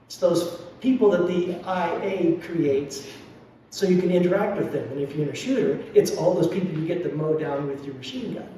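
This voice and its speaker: A man's voice: a little high, expressive, moderate pace, dark tone, slight background noise. Reflective man, very echoey hall. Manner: reflective, confessional, with wry humor. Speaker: lay Buddhist speaker. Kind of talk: dharma talk. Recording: very echoey hall, mic at a distance.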